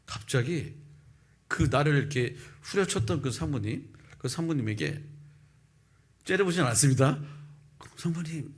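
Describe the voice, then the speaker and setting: A male pastor in his fifties preaching a sermon and telling a personal testimony, with lively storytelling that acts out the people in it. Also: fairly high pitch, slightly rough. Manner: animated storytelling, acting out quoted voices. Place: church sanctuary.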